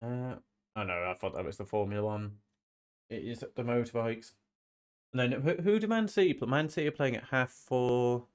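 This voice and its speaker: Medium pitch and moderate pace mark this man's voice. A streamer running a football watch-along, he's sniffly with a slight head cold and chats casually, rambling and often repeating phrases.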